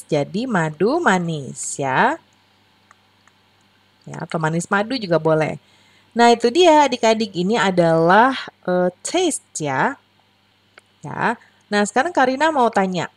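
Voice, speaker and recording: Patient, lively woman teaching kids English. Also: mid-range voice, no room sound. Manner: slow, patient, sing-song explanations with drawn-out English words; frequent "ya" and "eh" fillers. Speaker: online English tutor for children. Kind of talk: bilingual English lesson for kids.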